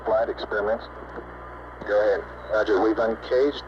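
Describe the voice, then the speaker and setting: Low-voiced American flight director, noisy intercom. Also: male voice, fairly even intonation, normal speed. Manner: clipped, businesslike. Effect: radio intercom. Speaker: flight director in mission control. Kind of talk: astronaut radio mission control loop. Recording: muffled, noisy mission control intercom.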